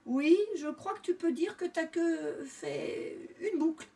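A woman's voice: very high-pitched, takes it slowly, warm tone, far from the mic, voice pushed up, heavily acted. A woman voicing an older male piglet brother, bossy and reassuring.

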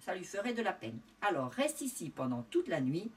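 A woman's voice: lowish voice, very animated, moderate pace, far from the mic. A woman voicing an older male piglet brother, bossy and reassuring.

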